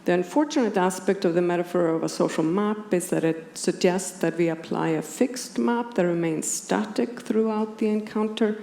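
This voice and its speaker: A native Icelandic speaker with an Icelandic accent, this woman is an academic philosopher delivering a measured, precise, partly scripted lecture to an audience in an indoor conference room. Her voice sits on the low side and sounds mellow, and the roomy hall carries clearly audible background noise.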